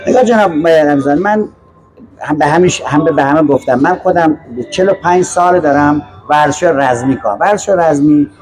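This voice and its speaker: A man's voice: fairly high pitch, darkish tone, faint music behind. An older man as a podcast guest, explaining in a didactic way and often checking that the listener is following. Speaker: guest, language teacher. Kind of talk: podcast interview.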